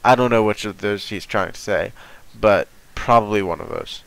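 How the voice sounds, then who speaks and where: A man's voice: fairly low pitch, normal speed, vocal fry, a bit bright, clear, resonant tone, dry recording, rough recording. A young man with a stuffy nose from being sick, rambling and thinking aloud as he reacts to a comic chapter. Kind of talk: casual live reaction.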